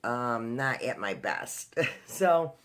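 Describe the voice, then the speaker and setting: A man's voice: mid-range voice, big pitch swings, extremely slow, a bit bright. A man talking in a casual video diary, telling a personal story in a chatty way with lots of fillers and restarts. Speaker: vlogger.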